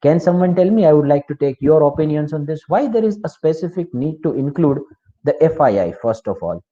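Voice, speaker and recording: A man's voice: a little high, animated, brisk, mellow. A man with an Indian English accent teaching tax law in an online class, explaining step by step and asking the class questions. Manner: explanatory, repeats key terms, asks the class questions. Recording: slightly dull, lo-fi.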